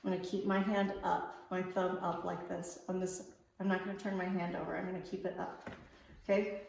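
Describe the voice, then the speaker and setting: A woman's voice: fairly low pitch, level tone, a little fast, creaky, a little mellow, slight background noise. A woman coaching a fencing class, explaining technique step by step in an informal, checking-in way. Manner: informal, checks understanding with okay. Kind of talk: instructional demonstration, explaining step by step. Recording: very echoey large room.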